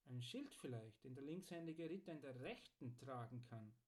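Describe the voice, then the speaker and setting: A man voicing an eager, secretive male singer in an audiobook story, with a lively delivery. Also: mid-range voice, normal speed, lightly acted. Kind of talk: audiobook character voice.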